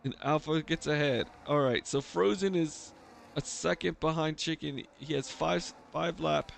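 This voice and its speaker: A man's voice: on the high side, a little slow, gravelly, a little hiss or hum. A man giving live, casual motorsport commentary as a race commentator for an online league.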